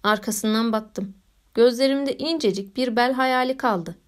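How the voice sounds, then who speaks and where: A woman reading a story aloud as a narrator, in a measured and expressive way. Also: on the high side. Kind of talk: audiobook narration.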